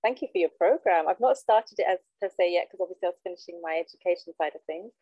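Nervous woman, lowish voice, dull audio. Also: fast, breathy edge, no room sound. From London, England. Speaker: podcast guest, trainee counsellor. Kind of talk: casual personal storytelling in interview. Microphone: handheld mic on remote call.

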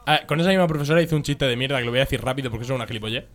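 A man's voice: medium pitch, very fast. A young man with a Spanish accent from Spain, telling school stories in a casual chat and laughing through them.

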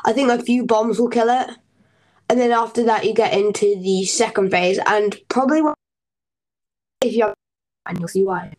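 A woman co-hosting a podcast in casual chat, rambling and halting with many fillers as she explains game tactics. She restarts her sentences often. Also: on the high side, darkish tone, low-quality recording. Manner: explains game strategy in detail. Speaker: podcast co-host.

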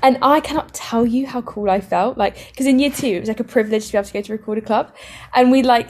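Woman co-host, a bit high-pitched, lively casual storyteller. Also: quick pace. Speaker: podcast co-host. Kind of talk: casual chat.

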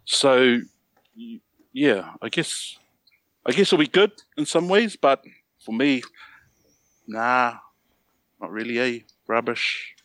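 A man's voice: medium pitch, expressive, slow, pauses often, a bit bright, no echo. A man, chatting casually and thinking aloud as a podcast panellist. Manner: hesitant, colloquial, thinks aloud. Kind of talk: casual chat.

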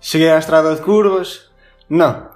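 A man's voice: on the high side, fairly even intonation, normal speed, faint music behind. A young man with a European Portuguese accent, telling a story in casual podcast chat, laughing often and swearing freely. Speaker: podcast co-host.

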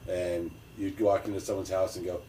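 A man's voice: deep voice, level tone, moderate pace, mellow, far from the mic, slight background noise. A man co-hosting a casual podcast, retelling film scenes with stammered restarts. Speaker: podcast co-host. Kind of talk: casual chat. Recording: roomy sound from off-mic.

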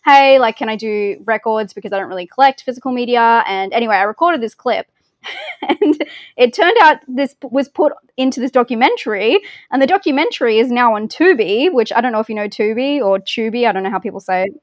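A woman's voice: on the high side, animated, brisk, dry recording. A woman in her thirties with an Australian accent, chatting in an interview in a rambling, self-deprecating way and laughing often. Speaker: film reviewer guest. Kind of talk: casual interview chat.

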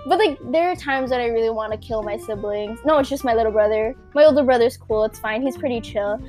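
A young woman with a Filipino accent telling a story in a casual chat, animated and acting out what other people said. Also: fairly high pitch, fast, soft background music. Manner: animated, acts out quoted people, many fillers.

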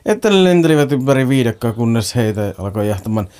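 A man's voice: mid-range voice, big pitch swings, a little mellow. A man co-hosting a podcast, reading a listener's story aloud in a playful way, swearing and ad-libbing. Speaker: podcast co-host.

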